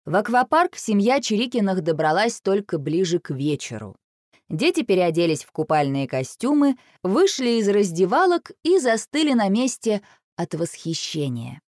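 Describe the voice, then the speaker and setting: A woman's voice: mid-range voice, very animated, normal speed, darkish tone, no room sound, clean studio sound. A woman narrating a children's story aloud with expression.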